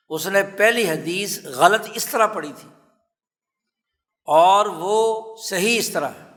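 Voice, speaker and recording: A male religious scholar with a Pakistani Urdu accent delivers a formal lecture and tells his story slowly and deliberately. His voice sits somewhat high for a man, and he stresses key phrases by repeating them. He is recorded in a lecture hall with long reverb. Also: fairly bright tone. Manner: slow, measured storytelling with emphatic repetition. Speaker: religious scholar teaching hadith.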